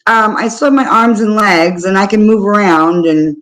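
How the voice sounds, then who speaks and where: A woman's voice: mid-range voice, moderate pace, fairly bright tone, rough recording. A middle-aged woman co-hosting a livestream, blunt and scornful, swearing freely in casual chat. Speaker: livestream co-host.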